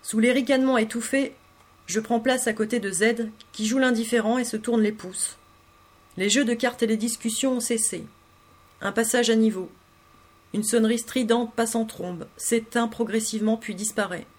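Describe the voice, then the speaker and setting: A woman narrating a literary story in the first person, reading in an intimate, expressive way. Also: fairly high pitch, normal speed. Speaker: audiobook reader.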